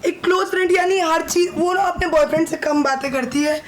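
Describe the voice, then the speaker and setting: High-voiced young woman explaining her view. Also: brisk, a crowd in the background. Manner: explaining, siding with a friend. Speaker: reality show contestant. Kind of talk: heated group argument in Hindi.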